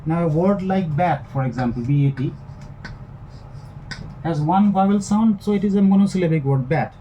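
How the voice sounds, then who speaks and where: Man, Indian English accent, lecturer, fairly high voice, mellow tone, faint background hiss. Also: normal speed, dull audio. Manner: explanatory, repeats and rephrases points with frequent fillers. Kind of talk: recorded online lecture.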